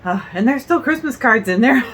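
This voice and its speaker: A woman's voice: on the high side, fairly bright tone, low-quality recording. A woman vlogging at home in a casual chat, short of breath from illness and rambling with fillers. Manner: rambling, halting with fillers and laughs.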